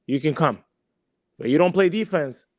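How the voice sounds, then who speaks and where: A man's voice: on the high side, animated, moderate pace, no room sound. A man co-hosting a podcast, rambling in casual chat, swearing and repeating himself. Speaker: podcast co-host.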